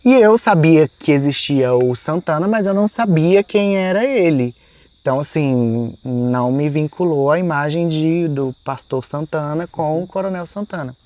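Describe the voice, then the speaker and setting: A man, a podcast guest, telling an emotional personal story in a soft-spoken way that often trails off, with many small fillers and re-enacted quotes of his own past words. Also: on the high side, animated, normal speed, dry recording.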